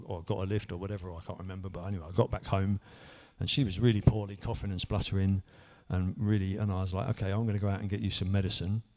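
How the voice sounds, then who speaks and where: Speaking in a deep, darkish voice, a church member in his 50s shares his personal testimony. He recounts his story earnestly, wandering and restarting often.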